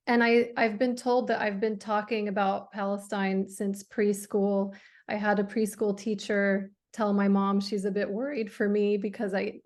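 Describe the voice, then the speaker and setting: A woman casually recalling her school years, chatty with quick restarts. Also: mid-range voice, darkish tone. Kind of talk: casual personal account.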